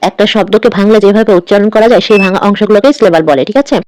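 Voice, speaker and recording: A primary school English teacher walking through a textbook page, reading instructions slowly, then spelling words letter by letter and translating them. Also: mid-range voice, fairly even intonation, a little mellow, slight background noise, low-quality recording. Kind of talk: textbook lesson explanation.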